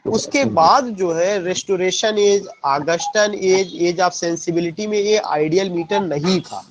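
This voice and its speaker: A male teacher gives a classroom lecture, his voice sitting high. He takes his time, putting questions to the class and going over each point again. Faint noise runs underneath. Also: takes it slowly, highs cut off. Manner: quizzes students, repeats key points, mixes Hindi and English. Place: classroom with students.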